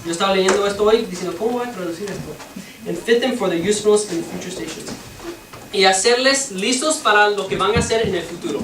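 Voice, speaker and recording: In a noisy, reverberant room with the microphone set far away, a teacher gives a bilingual lesson. The mid-range voice belongs to a first-language English speaker who pauses haltingly to find words while translating.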